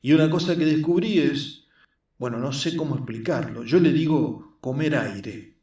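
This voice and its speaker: A man's voice: moderate pace, a little mellow, close to an everyday voice. A man voicing an earnest, skinny young man, explaining his craft patiently. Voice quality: squeaky. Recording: roomy echo, mic at a distance.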